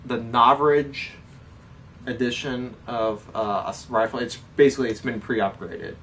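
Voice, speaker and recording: This male co-host of a hobby show explains airsoft topics informally during a laid-back question-and-answer session. He speaks at a measured pace with a medium, slightly bright voice and fairly even intonation. The mic is distant and faint background noise can be heard.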